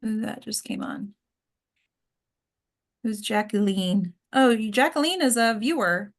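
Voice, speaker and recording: Expressive and slow, with a mid-range voice, a woman hosting a table read chats casually before it starts. She trails off now and then to check who has joined.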